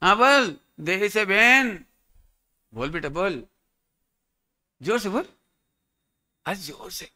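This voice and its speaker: A man's voice: high-pitched, very animated, slow pace, long pauses, pushed and bright, full character voice. A man doing a puzzled, coaxing mother. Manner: coaxing, bewildered. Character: puzzled mother, fond of her son.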